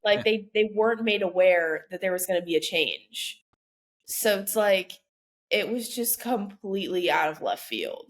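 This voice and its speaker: A woman's voice: medium pitch, animated. Chatty young woman co-hosting a podcast. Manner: chatty, full of "like" fillers, quick to vent. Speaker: podcast co-host. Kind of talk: casual chat.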